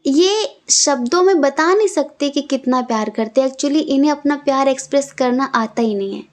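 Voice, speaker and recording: High-voiced woman giving a tarot reading. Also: normal speed. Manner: earnest, repetitive, addresses the viewer directly. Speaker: tarot reader. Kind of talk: casual tarot reading to camera.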